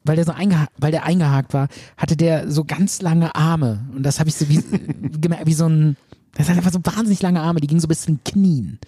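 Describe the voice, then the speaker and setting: A man's voice: on the high side, fairly even intonation, a little fast, warm tone, slightly rough, no room sound, studio quality. A man co-hosting a podcast, telling a dream in a rambling, hesitant way with many fillers. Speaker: podcast co-host. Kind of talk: casual chat, telling a dream.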